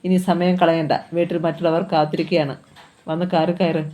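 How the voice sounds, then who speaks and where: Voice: medium pitch, flat delivery, fairly quick, warm tone, close to an everyday voice. Reader voicing a commanding older mother. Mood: firm. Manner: firm, controlled.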